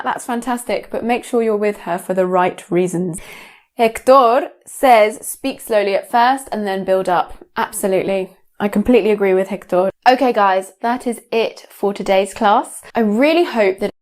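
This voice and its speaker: A woman's voice: medium pitch, normal speed. A woman speaking to camera as a teacher, chatty and laughing lightly between points. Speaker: English teacher. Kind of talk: direct-to-camera lesson.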